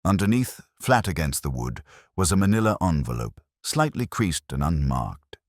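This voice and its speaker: A man whose voice is very deep reads a detective tale with measured, literary care, letting his pitch swing widely and move freely throughout. The audio is dry and intimate, without any echo.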